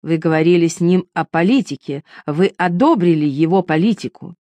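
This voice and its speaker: A sullen, stubborn king of heavy build, as a woman reads him, speaking with grim insistence. His anger breaks into shrill outbursts. The storybook recording is dry and close, with a lowish reading voice. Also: moderate pace, mellow, dry recording, lightly acted. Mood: furious.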